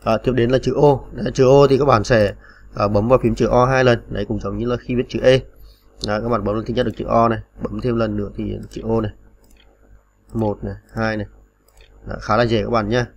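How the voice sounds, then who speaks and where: A man's voice: lowish voice, steady tone, fairly quick, gravelly, a little mellow. A man teaching typing on a computer in a patient, step-by-step way, with many small fillers. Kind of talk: screen-recorded typing tutorial.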